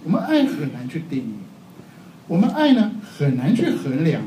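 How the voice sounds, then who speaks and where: A man's voice: a little high, wildly swooping pitch, moderate pace, far from the mic, crowd noise. A middle-aged man from Taiwan, preaching a sermon in a chatty, self-mocking way and laughing often. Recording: echoey hall, faint background noise.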